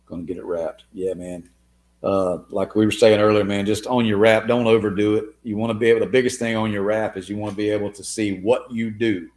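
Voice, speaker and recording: A man's voice: lowish voice, flat delivery, fairly quick, darkish tone. A man hosting a casual live Q&A stream, answering viewer comments in a laid-back way and calling listeners man and dude. His voice is wearing thin. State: losing his voice.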